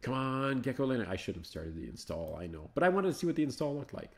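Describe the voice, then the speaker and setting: A man hosting a live Linux show, chatting casually and thinking aloud as he installs and explores software, coaxing slow programs along. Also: mid-range voice, sing-song. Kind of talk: casual live screencast commentary.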